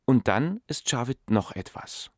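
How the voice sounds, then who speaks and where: A man reading scripted documentary narration in a measured, even way. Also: mid-range voice, dry recording, studio quality. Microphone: dry studio voice-over.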